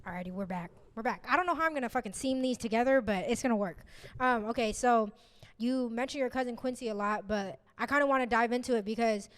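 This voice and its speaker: A woman's voice: fairly high pitch, fast, long reverb tail, a little hiss or hum. A woman hosting a podcast in casual, laid-back chat, swearing freely as she asks questions. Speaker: podcast host.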